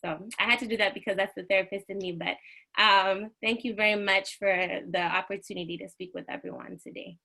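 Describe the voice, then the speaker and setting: A woman speaker on a video call, quickly and softly wrapping up her remarks. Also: mid-range voice, fairly even intonation, creaky. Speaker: guest speaker. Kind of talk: closing remarks.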